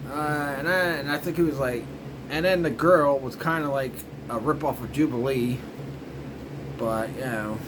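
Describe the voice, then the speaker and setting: This review-show host talks at a normal speed in a medium-pitched voice, with background noise audible. He loosely rambles through his commentary in a relaxed, informal way, leaning again and again on phrases such as "you know" and "frickin'."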